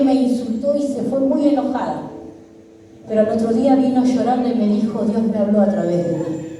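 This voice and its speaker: Brief: middle-aged Argentine woman pastor, fervent repetitive sermon, dark mellow tone, echoey hall from far away. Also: on the high side, slight background noise. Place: church hall.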